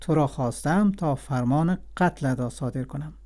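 Brief: man reading as a commanding, hot-tempered king, somewhat high and mellow voice, storybook telling. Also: lightly acted. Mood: stern. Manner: commanding, quick to rage. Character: angry suspicious old king.

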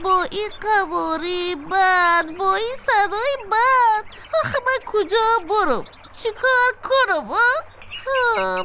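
Brief: very high-voiced, self-pitying young turkey played by a woman in a storybook, noisy recording. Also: full character voice. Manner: whiny, sighing, self-pitying. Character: sad young male turkey who hates his voice.

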